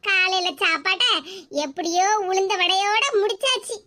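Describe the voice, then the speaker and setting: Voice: very high voice, normal speed, bright, forceful tone. A voice actor playing a clever, smug young daughter-in-law in a cartoon. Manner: smug, giggling.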